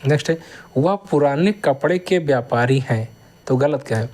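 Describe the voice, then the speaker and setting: A man teaching grammar, reading each sentence aloud slowly and then explaining the correction in quick bursts. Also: mid-range voice, darkish tone.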